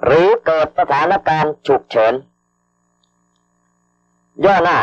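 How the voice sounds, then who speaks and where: Slow formal man on old radio. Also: fairly high pitch, no room sound. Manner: formal, measured, reads out punctuation. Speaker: government radio announcer. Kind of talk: slow dictation of official orders, repeating each phrase. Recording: dull lo-fi archival radio broadcast.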